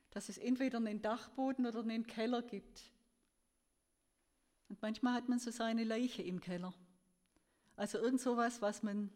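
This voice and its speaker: A woman giving a sermon in an earnest, gentle storytelling way, her voice rising and falling as she tells a story. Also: fairly high pitch. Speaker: preacher.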